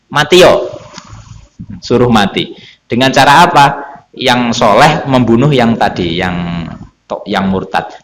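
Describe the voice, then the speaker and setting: A man's voice: mid-range voice, a little hiss or hum. Javanese-accented man preaching in an echoey mosque. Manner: storytelling, shifts between Indonesian and Javanese, acts out characters' pleas. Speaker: Quranic exegesis teacher. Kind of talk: mosque sermon. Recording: echoey mosque with faint ambience.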